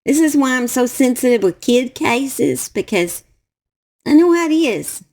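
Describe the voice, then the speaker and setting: A middle-aged woman with a Southern US accent speaks in a somewhat high voice. She tells her own story to camera in a halting, emotional way and circles back over the same phrases. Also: big pitch swings, darkish tone. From Southern United States. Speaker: true crime YouTuber.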